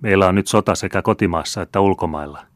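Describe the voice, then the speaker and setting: A man's voice: sits low, dry recording, close to an everyday voice. A man reading an old storybook tale, voicing an ardent seventeen-year-old count who speaks earnestly and pleadingly.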